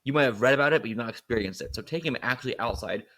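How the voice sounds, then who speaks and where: A man's voice: medium pitch, rapid-fire, fairly bright tone. A man who makes films, a guest co-host talking casually and thoughtfully about filmmaking craft. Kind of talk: casual film discussion.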